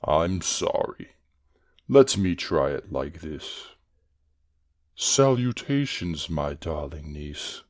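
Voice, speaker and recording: An actor playing a scheming villain uncle who speaks in a slow, measured, menacing way. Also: female voice, rumbling low, very animated, a little mellow, full character voice. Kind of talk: audio drama acting.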